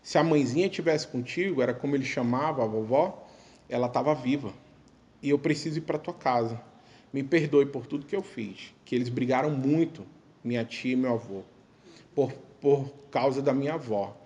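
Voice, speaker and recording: A man recounting a family story as a spoken testimony in a temple, conversational, pausing and restarting as he quotes his relatives. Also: medium pitch, a little mellow, highs cut off.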